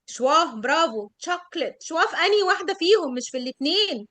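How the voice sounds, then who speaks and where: High-voiced Egyptian woman teaching pronunciation. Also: expressive, pushed and bright, dry recording. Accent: Egyptian Arabic. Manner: drawn-out model words. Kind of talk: online pronunciation lesson.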